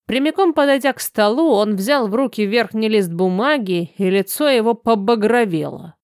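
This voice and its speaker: A woman narrating a fantasy audiobook in an expressive, measured way. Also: a little high, no room sound, studio quality.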